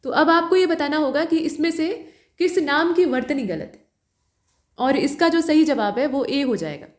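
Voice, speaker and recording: High-voiced woman tutoring in an echoey room. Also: expressive, moderate pace. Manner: patient, explanatory, asks rhetorical questions. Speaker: Hindi exam tutor. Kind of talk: explaining test questions.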